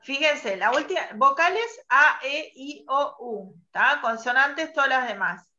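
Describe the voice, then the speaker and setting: A high-voiced woman teaches over a video call, her tone bright and clear. She talks slowly and patiently, quizzing students and spelling out sounds one by one. The call audio is muffled. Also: lively intonation. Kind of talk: online class teaching.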